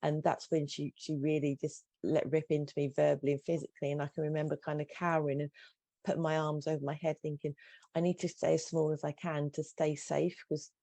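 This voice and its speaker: Appearing as a guest coach on an interview show, a middle-aged woman tells her life story in a deep, mellow voice, unhurried and earnest, often restarting her sentences. The recording is dry, with little room sound.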